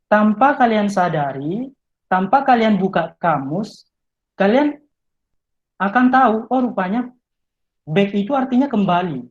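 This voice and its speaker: A male English tutor with a high, slightly mellow voice gives study tips in an online talk over a video call with dull audio. He explains step by step and speaks straight to the people listening.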